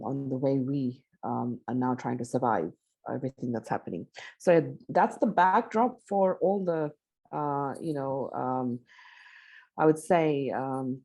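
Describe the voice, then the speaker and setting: A woman's voice: low-pitched, warm tone. A middle-aged woman from Fiji, moderating an online advocacy panel in a hesitant way, with many "um"s and "you know"s, over a video call. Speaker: moderator and women's rights advocate.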